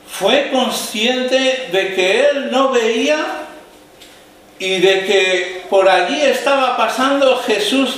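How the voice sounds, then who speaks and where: A man preaching a sermon, slow and dramatic, dropping to a hush and then rising to a raised voice. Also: sits high, slight background noise. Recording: echoey hall, heard from a distance.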